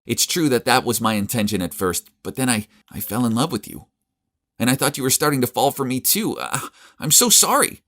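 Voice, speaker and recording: A man's voice: expressive, fairly quick, fairly bright tone. A man voicing a scheming young woman who sneers at her brother, then pleads. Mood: pleading. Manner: sneering, high-strung.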